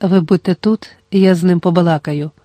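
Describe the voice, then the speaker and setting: A scared father, as the audiobook reader voices him, talks in a tense, trembling way. His voice keeps the reader's dark tone, recorded close and dry. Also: medium pitch, fairly even intonation, normal speed, no room sound, natural voice. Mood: frightened. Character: frightened middle-aged father of a household. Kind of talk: audiobook character voice.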